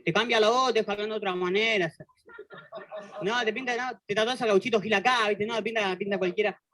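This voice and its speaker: A man's voice: high-pitched, steady tone, fast, sharp tone. A young man with a Buenos Aires suburbs accent, doing a stand-up routine on a TV studio stage, full of street slang and constant "¿viste?" tags. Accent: Buenos Aires suburbs Argentine Spanish. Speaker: stand-up comedian. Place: television studio stage with audience.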